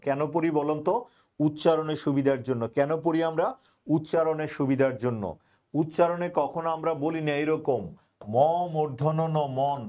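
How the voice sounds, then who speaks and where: A young man teaching grammar, his voice sitting a little high for a man. He drills his students over and over, asking a question and then supplying the answer himself. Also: darkish tone. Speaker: admission coaching teacher. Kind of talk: online grammar class.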